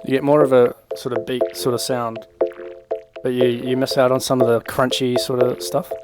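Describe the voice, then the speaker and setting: A young man with a medium-pitched, level voice talks at a normal pace while giving a casual, improvised music production tutorial, thinking aloud as he works. It's a screen-recorded software lesson made in a room at home. Loud synth and beat playback plays over his voice.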